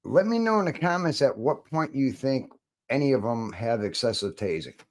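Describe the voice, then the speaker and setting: A man's voice: medium pitch, animated, moderate pace, darkish tone. A man hosting his channel, giving casual, joking commentary on viewer-sent videos in an offhand, chatty way. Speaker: channel host reacting to videos.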